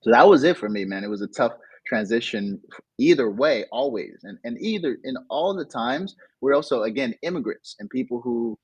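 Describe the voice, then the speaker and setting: This digital entrepreneur from Nigeria, a guest on an interview, reflects on his life in a relaxed way, restarting frequently and livening up when recounting moments. He speaks at normal speed in a medium pitch with vocal fry and a slightly rough quality. The audio is poor but has no echo.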